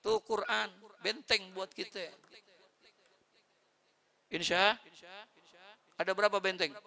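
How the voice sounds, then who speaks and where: A man preaching a storytelling sermon at a mosque gathering, moving from hushed telling to loud emotional outbursts, then leading an Arabic prayer. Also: high voice, steady tone, takes it slowly, creaky.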